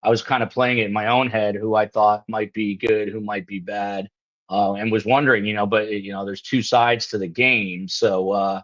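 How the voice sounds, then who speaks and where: A man's voice: fairly low pitch, little pitch movement, moderate pace, a bit bright. A man hosting a live show, talking casually and rambling with lots of ums and you-knows over a video call. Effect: video call audio. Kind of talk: casual panel chat on a live stream. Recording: dull lo-fi video call line.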